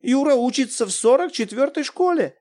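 A man voicing a panicky middle-aged wife in an audiobook, shrill and pleading. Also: animated, moderate pace, darkish tone. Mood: indignant. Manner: shrill, pleading, near hysterical.

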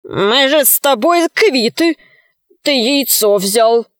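A woman's voice: high-pitched, animated, slow, no echo, clean studio sound. A woman voicing a cowardly, lying male ogre in a storybook reading, squealing and defensive. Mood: evasive.

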